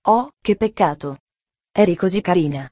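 A woman's voice: mid-range voice, moderate pace, warm tone, no echo, dull audio, natural voice. A woman reading as an eager little girl. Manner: earnest, pleading. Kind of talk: audiobook reading.

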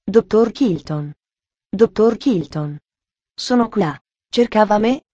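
A woman's voice: medium pitch, animated, slow pace, mellow, no echo, highs cut off. A woman reading as an eager little girl. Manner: earnest, pleading. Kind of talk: audiobook reading.

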